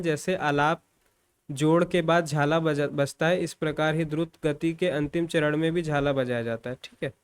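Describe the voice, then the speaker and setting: A young man teaches music theory for an exam, his voice sitting a little higher than most men's. He walks through each term step by step, keeps checking in with his listeners and repeats the key points so they stick. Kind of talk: exam-prep lecture.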